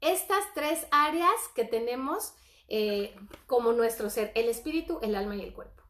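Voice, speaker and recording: A middle-aged woman giving an earnest, animated Bible-based parenting talk, reading scripture aloud. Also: on the high side, normal speed. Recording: echoey room.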